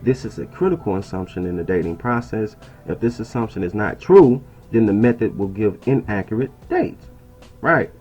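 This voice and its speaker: Low-voiced guy reading an article at his laptop and riffing on it, casual, says "right?" a lot, faint music in the back. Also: lively intonation, normal speed, a little mellow, slightly rough, highs cut off. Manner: conversational, keeps asking "right?" and calling listeners "bro". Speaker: host reading and commenting on an article. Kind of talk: casual commentary while reading aloud. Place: indoors at a laptop.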